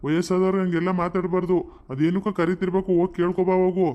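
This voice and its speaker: A man's voice: high voice, level tone, racing, darkish tone, slight background noise, lightly acted. A man voicing a mild, placating grown son and husband in a cartoon comedy, talking in a soothing way.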